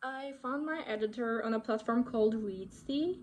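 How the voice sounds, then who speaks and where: Speaking at a normal speed in a fairly high voice, a young Turkish author vlogger chats to camera in her Turkish accent. She frequently self-corrects with "I would say", and a little hiss or hum runs under the recording.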